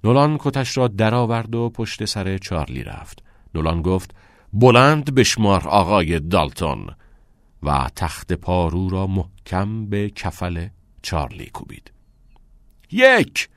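Man, audiobook narration, very deep voice, steady measured reading, dry close recording. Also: no room sound. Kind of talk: scripted narration.

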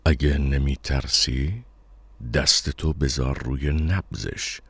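A man's voice: a bass voice, steady tone, husky, dry recording, clean studio sound, heavily acted. A man voicing a relentless accusing stranger. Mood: commanding. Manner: accusing, rising to furious shouts. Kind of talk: dramatic audiobook reading.

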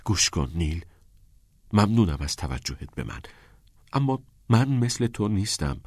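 A man's voice: fairly low pitch, very animated, no echo, studio quality. A man voicing a shy, defensive teenage schoolboy who grows reluctant and then flares up, in an audiobook reading.

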